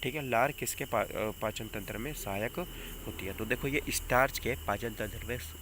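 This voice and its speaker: A man with a North Indian accent teaches an exam coaching lesson in a medium-pitched voice at normal speed. He repeats questions and answers for emphasis and poses rhetorical questions. Noticeable background noise runs through the recording.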